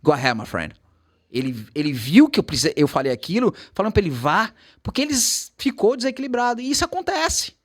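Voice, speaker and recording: Brazilian male English teacher, animated storyteller, somewhat high, very expressive pitch. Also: fast talker, hardly any pauses. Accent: Brazilian Portuguese. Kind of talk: casual chat.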